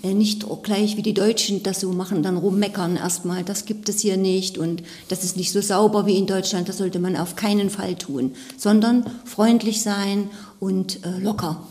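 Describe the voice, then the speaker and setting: A woman interviews a guest on local radio in a relaxed, encouraging way. She often chimes in with short affirmations. Her mid-pitched voice carries a long reverb from the room. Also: moderate pace, hardly any pauses. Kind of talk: casual interview.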